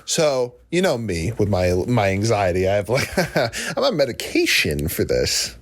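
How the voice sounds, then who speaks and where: Animated young man telling a story. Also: on the low side, unhurried. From New Jersey. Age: 20s. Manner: animated, acts out quoted voices. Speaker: podcast host. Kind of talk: comedic storytelling.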